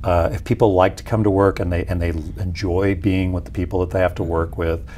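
Being interviewed in a small indoor office lounge, a Peruvian executive in his forties explains things in a relaxed, conversational way. His voice is low and warm, brisk and with little pitch movement. A lapel mic picks him up, along with a slight hiss or hum.

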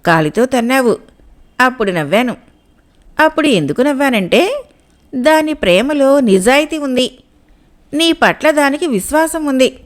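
A knowing young sea maiden from a storybook, as a woman reading the tale puts her on. The voice is high and sits up in the head, calm and unhurried as she states hard truths without fuss. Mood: knowing, scornful.

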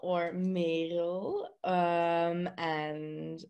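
Young Belgian host, leisurely and giggly, lower pitch. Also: female voice, level tone, very slow, clean tone, highs cut off. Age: young adult. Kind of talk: casual video call chat.

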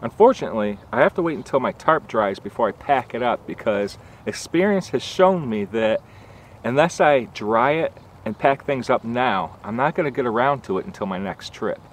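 A man's voice: mid-range voice, animated, moderate pace, a little hiss or hum. A man in his forties, a nature vlogger, talking casually and enthusiastically to a handheld camera at arm's length outdoors at a forest campsite, with plenty of fillers as he thinks aloud. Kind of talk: casual outdoor vlog narration.

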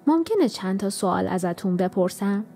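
A woman voicing a timid, polite young girl in a storybook, speaking gently. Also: medium pitch, lively intonation, faint music behind.

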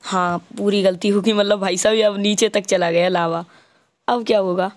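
A man with a fairly high voice talks casually over his gameplay. He explains every move to the viewer in a chatty, brotherly way. When he slips up, he says so out loud and fixes it on the spot. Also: fairly even intonation, normal speed. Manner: chatty, talks the viewer through each step, often calls the viewer "bhai". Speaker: gaming channel host. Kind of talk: casual Minecraft gameplay commentary.

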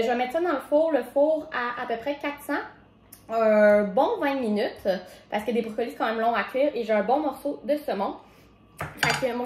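A woman's voice: fairly high pitch, echoey room, a little hiss or hum. A young woman with a Quebec French accent, chatting casually to her viewers as she vlogs her day and walks through a simple recipe. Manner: chatty, easygoing, talks straight to viewers. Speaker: vlogger. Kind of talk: casual vlog chat and cooking walkthrough. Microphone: camera on tripod.

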